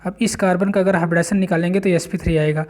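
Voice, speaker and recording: High-voiced man teaching chemistry. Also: fairly even intonation, a little mellow. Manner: explains step by step, reads textbook lines slowly, repeats terms. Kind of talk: whiteboard chemistry lesson.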